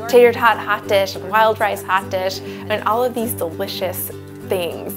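A woman in her twenties, a food blogger giving an interview in her home kitchen, talking in a bubbly, animated way. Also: medium pitch, a little slow, music in the background. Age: 20s. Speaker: food blogger and cookbook author.

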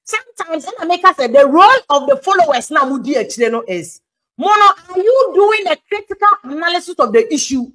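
High-voiced Ghanaian woman commentator. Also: fast talker, low-quality recording. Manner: animated, switching between English and Twi. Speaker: political commentator. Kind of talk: political talk show commentary.

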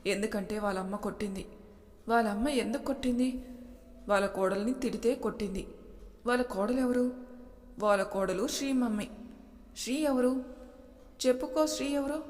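A woman voicing a patient, gentle young wife and mother who speaks calmly and softly, with a long reverb. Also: on the high side, normal speed, pauses often, lightly acted.

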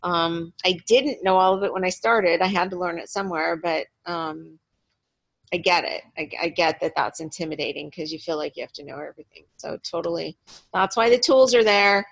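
A woman's voice: fairly low pitch, moderate pace, gravelly, a bit bright. A woman hosting a team video call, chatty and upbeat, with lots of fillers and laughter. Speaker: meeting host. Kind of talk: casual video call meeting.

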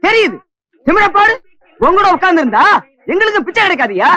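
Brief: a blunt beggar man, high and bright. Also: big pitch swings, quick pace, muffled recording, exaggerated voice. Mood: cheeky. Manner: consoling, blunt. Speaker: beggar in a film comedy scene.

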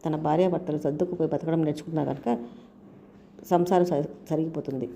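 A woman reads a family story aloud, voicing each character's lines herself without changing her voice much. Her voice sits a little low and mellow. A faint hiss of noise runs under the recording. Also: fairly even intonation, fairly quick. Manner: reads all characters' dialogue in her own voice. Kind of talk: scripted story narration.

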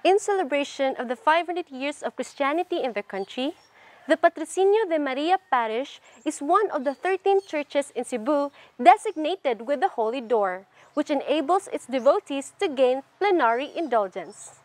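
A young woman presents to camera in a bright, high voice. Her delivery is upbeat and practiced, and a lapel mic picks her up clearly around an old stone church and its grounds. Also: animated, moderate pace, dry recording. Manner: cheerful, upbeat delivery of a memorized script. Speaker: program host.

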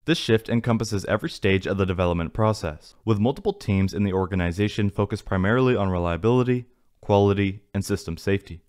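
A man narrating a technical script in an even, read-aloud manner. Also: on the low side, quick pace, hardly any pauses. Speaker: narrator of a space news channel. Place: voice-over, not in the pictured places.

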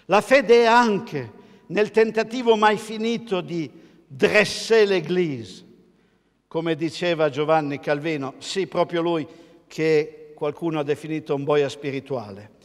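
An older male pastor with an Italian accent, preaching a sermon from a church pulpit in a measured, emphatic way, posing rhetorical questions to the congregation. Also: fairly high pitch. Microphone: pulpit mic, filmed by a camera across the church. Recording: long church reverb.

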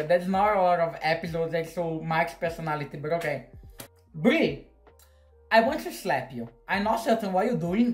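A woman hosting casual reaction commentary, animated and outspoken, jumping between loud outbursts and low mutters. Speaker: TV reaction host.

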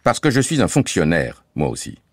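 A man's voice: deep voice, huge pitch swings, moderate pace, breathy edge, dry recording, clean studio sound, heavily acted. A man voicing a scrupulous, stern schoolteacher father who speaks in a principled, indignant way.

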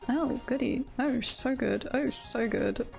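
A woman livestreamer and VTuber speaks slowly in a fairly high voice with vocal fry, giving casual, jokey gameplay commentary over video game music. She repeats short phrases and swears now and then.

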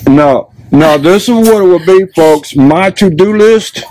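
A man's voice: high-pitched, lively intonation, measured pace, darkish tone, no room sound, low-quality recording. Joking man live-streaming a store tour. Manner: joking, rambling, folksy. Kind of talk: casual live-stream shopping commentary. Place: indoor discount store.

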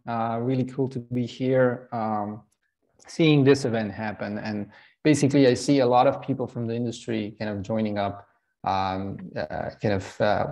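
A middle-aged man from Slovenia giving an online conference presentation as a startup CEO, talking haltingly with many fillers and restarts over a video call from a home office. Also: on the low side, creaky, a little mellow.

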